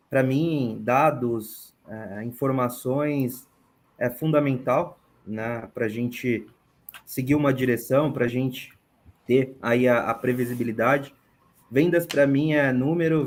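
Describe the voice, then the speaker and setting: A man from São Paulo, a real estate manager speaking as a guest on a webinar panel, explaining in a measured, deliberate way. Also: mid-range voice, a little hiss or hum. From São Paulo, Brazil.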